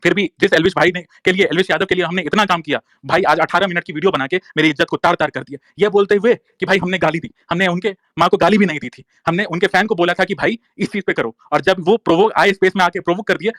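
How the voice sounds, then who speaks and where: A man's voice: high-pitched, quick pace, hardly any pauses, fairly bright tone, dry recording. A young man from Bihar delivering an angry, profane, repetitive rant to listeners in a live audio room, defiant and heated. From Bihar, India. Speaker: online activist speaking in a live audio room. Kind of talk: angry ranting monologue.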